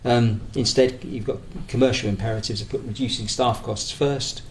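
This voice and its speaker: A British trade union speaker gives a semi-prepared political argument at a conference, his medium-pitched voice fairly even in intonation and moving at normal speed. He is hesitant and discursive, hunting for words as his case takes shape. The room echoes, with faint noise in the background.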